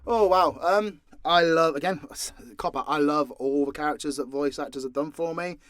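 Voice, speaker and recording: This man, a voice actor and audio creator, chats casually and candidly through fan questions, cursing freely in an unscripted Q&A. His voice is a little high and fairly bright, at normal speed, captured in studio quality with no echo.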